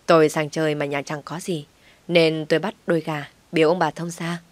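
A woman's voice: deep voice, little pitch movement, a little fast, no echo, close to an everyday voice. A woman reading a story aloud, voicing a polite, humble older village aunt. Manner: polite, forced cheer.

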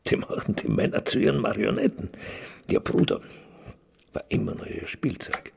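An actor playing a bitter old father who gives brooding, scornful testimony in a gravelly voice. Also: mid-range voice, huge pitch swings, normal speed, a little mellow, full character voice. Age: older. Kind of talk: radio play monologue.

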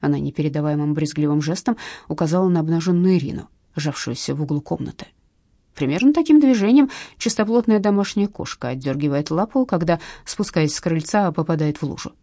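A woman reading a comic detective novel aloud in measured, expressive audiobook narration. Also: sits low, no echo, studio quality.

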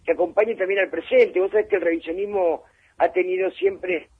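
Calling in as a guest on live radio, the head of a gender commission speaks in a lowish, husky voice with a steady tone and a fairly quick pace. She's thoughtful but hesitant, with fillers and restarts, over a tinny phone line that drops out.

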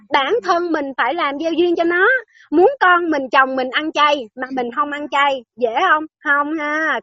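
A woman's voice: sits high, dry recording, dull audio. A woman giving a Buddhist dharma talk, chatty and teasing, often asking her listeners questions.

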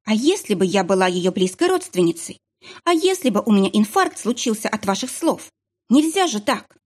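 A woman's voice: medium pitch, sing-song, moderate pace. A woman voicing an anxious, determined middle-aged woman who talks in an urgent, flustered way.

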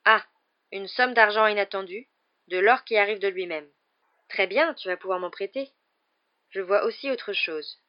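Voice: mid-range voice, moderate pace, pauses often, dull audio, natural voice. A reader voicing a cheeky teenage boy student in an audiobook, in a joking, offhand manner.

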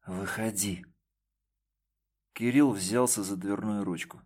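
A man narrating an audiobook in a measured, even reading. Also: medium pitch. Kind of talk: scripted narration.

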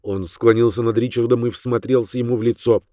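A man narrating an audiobook in a measured, dramatic manner. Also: medium pitch, fairly even intonation, dark tone, no room sound, studio quality.

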